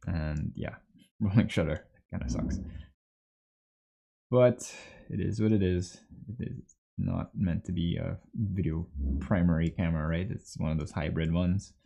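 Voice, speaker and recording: This 3D artist, a man in his thirties from Trinidad and Tobago, hosts a livestream from his small home workspace and talks easily and casually as he works. His voice is low and dark with vocal fry, and the audio is slightly muffled.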